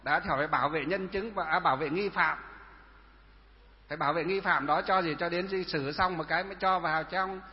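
A man preaches as a Buddhist monk, posing questions to his listeners and answering them himself, often going back over the same words. His voice sits high for a man. The recording is dull and lo-fi, with a long reverb trailing each phrase. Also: brisk. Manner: repetitive, asks and answers own questions. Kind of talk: sermon with rhetorical questions.

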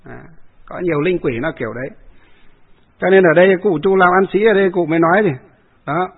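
A fairly high, husky male voice, a Buddhist monk rambling through a story with fillers and repetitions. The sound is narrow and phone-like, as if heard over a radio. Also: a little fast. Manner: rambling, with many filler sounds and repeated phrases.

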